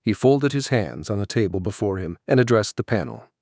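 A man's voice: fairly low pitch, expressive, fairly quick, darkish tone, dry recording. Man narrating an audiobook, dry sound.

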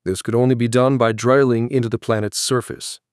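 A man voicing a patient, measured scientist. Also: mid-range voice, fairly even intonation, clear, resonant tone, dry recording, studio quality, lightly acted. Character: patient male scientist testifying to a committee. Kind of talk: audiobook character voice.

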